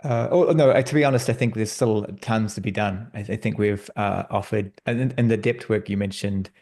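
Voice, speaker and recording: A man hosting an online research workshop on a video call, relaxed and friendly, with frequent fillers. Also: lowish voice, brisk. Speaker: workshop host.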